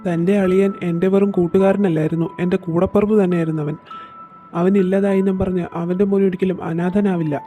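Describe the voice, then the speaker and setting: A woman doing a calm, mellow-voiced father. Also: on the low side, quick pace, soft background music, lightly acted. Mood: firm. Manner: soft, steady, reassuring. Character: gentle middle-aged father, calm and protective. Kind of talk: storybook voice acting.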